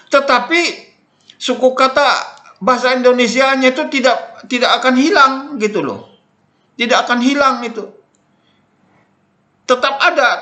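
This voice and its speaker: An older man lectures in a loose, spoken way, circling back to repeat his points and leaning on "nah" and "eh" between phrases. His voice sits high and sounds bright, and the room gives it a clear echo. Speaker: lecturer on Dayak Ngaju language. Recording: echoey room.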